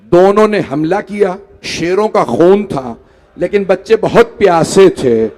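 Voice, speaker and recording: A man's voice: high voice, expressive, unhurried, a little mellow. A man preaching a mourning sermon, pleading with his listeners and rising into a wailing lament. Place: large hall.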